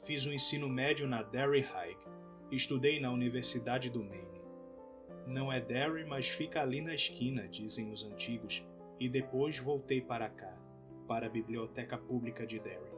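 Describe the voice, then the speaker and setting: A man narrating an audiobook in a measured, somber reading. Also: medium pitch, music in the background. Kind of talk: scripted narration.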